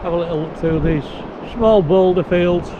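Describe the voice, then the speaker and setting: A higher-voiced man chats casually to his camera, talking a little oddly through a sore, toothachy mouth full of new teeth. He is outdoors on a beach, and the muffled audio carries plenty of wind and noise. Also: normal speed. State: sore mouth, in pain after tooth extraction. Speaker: video blogger.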